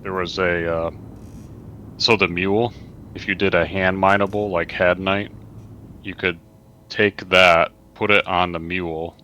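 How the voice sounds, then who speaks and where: Brief: male gamer, very low and bright-edged voice, matter-of-fact explainer, faint rumble behind. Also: level tone, measured pace, long pauses, highs cut off. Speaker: gaming friend. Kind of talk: casual gaming chat.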